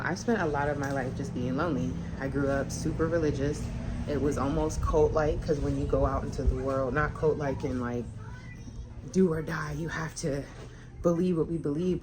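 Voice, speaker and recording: A young woman vlogger with a low voice talks straight to her viewers in a candid to-camera chat, blunt and full of feeling. Room noise sits clearly behind her.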